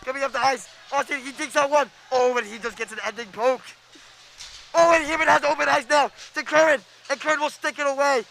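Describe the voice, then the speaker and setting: Excitable high-voiced young play-by-play man. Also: creaky, a little hiss or hum, low-quality recording. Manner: excitable, fast, stumbles over names. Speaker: play-by-play announcer. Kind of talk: live hockey play-by-play commentary.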